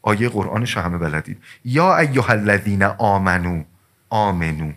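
A man gives a sermon in a low voice that swings sharply up and down. His pitch leaps for emphasis, then drops back as he talks straight to his listeners. The delivery is lively and story-driven. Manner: animated storytelling with sudden rises and drops in pitch and loudness; addresses listeners directly as dear ones. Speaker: preacher.

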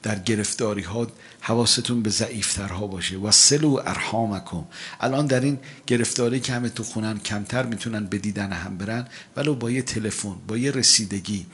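A male cleric giving a sermon, slowly chanting Arabic quotations and rising into urgent exhortations. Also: lowish voice, a bit bright, slightly rough.

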